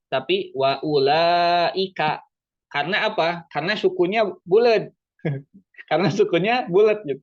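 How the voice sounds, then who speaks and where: In an online lesson, a man teaches Quran recitation, explaining patiently, repeating himself and slowly chanting examples in Arabic. His voice sits high, and the recording is muffled.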